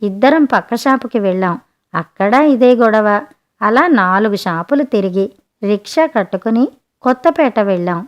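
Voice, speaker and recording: A woman narrating a written short story in a gentle, expressive audiobook manner. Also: medium pitch, moderate pace, muffled recording.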